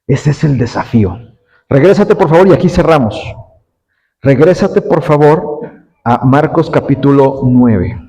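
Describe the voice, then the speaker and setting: A male pastor preaching a sermon, swinging between loud exhortation and hushed storytelling, firing rhetorical questions at the congregation. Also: mid-range voice, expressive, a little slow, in a large hall, low-quality recording.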